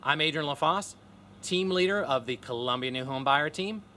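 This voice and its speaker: Bright-voiced man presenting outdoors. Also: on the high side, normal speed, slight background noise. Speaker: real estate team leader. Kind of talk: scripted video update to camera. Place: outdoors by a pond in a neighborhood.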